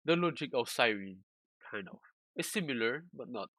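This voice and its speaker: A man's voice: mid-range voice, lively intonation, sharp tone, no echo, low-quality recording. Man, casual stream walkthrough, stop-start phrasing, no room sound. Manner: halting, repeats words, loose non-standard English phrasing. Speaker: streamer explaining game data analysis.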